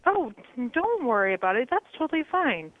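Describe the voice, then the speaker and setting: A woman's voice: high voice, sing-song, moderate pace. A woman working at a hotel front desk, answering a phone call patiently and reassuringly. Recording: tinny phone line.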